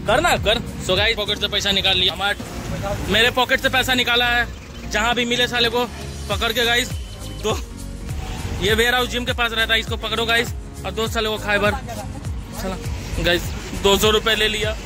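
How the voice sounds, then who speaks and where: A man's voice: sits high, fairly even intonation, normal speed, pauses often. A young man from Bihar vlogging with friends at a street stall at night, joking and talking to his viewers on a phone camera. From Bihar, India. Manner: joking, loud, addresses viewers as guys. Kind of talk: casual vlog banter. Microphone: phone camera held at arm's length. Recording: loud street music and crowd noise. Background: loud music and crowd.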